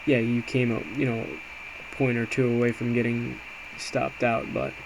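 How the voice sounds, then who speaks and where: A man at a measured pace and medium pitch gives a casual trade recap, moving through a screen as an amateur day trader. His delivery is informal, hesitant and self-reflective. The clip is clear but has steady background noise.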